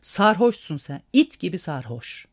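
A man voicing an angry young woman who shouts sharply at a drunk man in a read-aloud story. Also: fairly low pitch, very animated, a little slow, dry recording, clean studio sound. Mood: furious.

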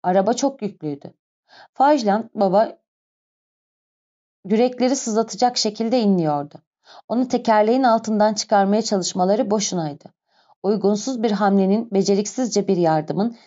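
Woman audiobook narrator, calm scripted reading, muffled recording. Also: mid-range voice. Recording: dull lo-fi recording.

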